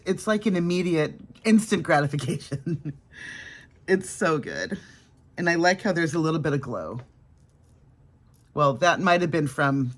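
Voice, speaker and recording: A woman talks to the camera as she applies her makeup, relaxed and conversational. She laughs easily and drops to soft murmurs for small asides. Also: low-pitched. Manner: chatty, laughs often, soft-spoken asides. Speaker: makeup vlogger. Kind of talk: casual makeup vlog chat.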